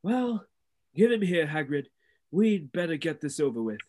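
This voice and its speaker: A man voicing Dumbledore, an old, calm, wise male wizard who speaks in a measured, gently wry way. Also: fairly high pitch, voice pushed up.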